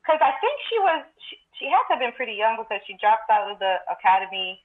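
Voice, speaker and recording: A woman's voice: a little high, big pitch swings, fast. A woman talking casually as a panelist in a fan discussion, over dull, phone-like audio.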